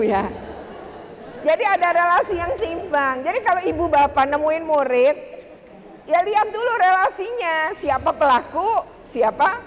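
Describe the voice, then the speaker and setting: A woman speaking to a room of teachers at a workshop, lively and chatty as she addresses the audience directly. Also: sits high. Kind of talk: presentation to an audience. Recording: reverberant hall, faint background noise.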